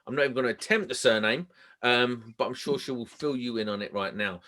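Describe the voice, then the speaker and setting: A man's voice: mid-range voice, brisk, pushed and bright. A man hosting a podcast, interviewing in a casual, chatty style. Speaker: podcast host.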